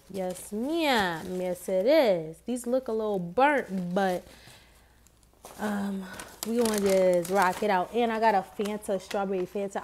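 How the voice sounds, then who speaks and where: A woman's voice: a little high, a little mellow, slight background noise. A woman casually telling a story in slangy speech while eating, her mouth sometimes full. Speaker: vlogger.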